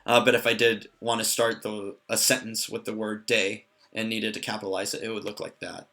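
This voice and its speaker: A man teaching a language lesson in a relaxed way, with many fillers and joking asides. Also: on the low side, fairly quick. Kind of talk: casual lesson.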